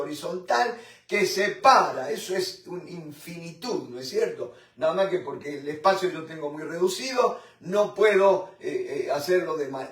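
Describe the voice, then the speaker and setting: A man teaching a Bible study in a fervent sermon style, repeating tag questions and addressing listeners as brothers, with halting restarts and swings in loudness. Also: high voice. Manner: fervent, repeats "mi hermano" and "¿no es cierto?". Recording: roomy echo from a distant mic.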